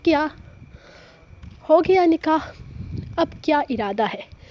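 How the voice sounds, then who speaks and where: A woman's voice: high-pitched, expressive. A woman voicing a defiant young bride who talks bluntly and coldly, in a slightly muffled recording with a faint hum. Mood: questioning. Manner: blunt, cold.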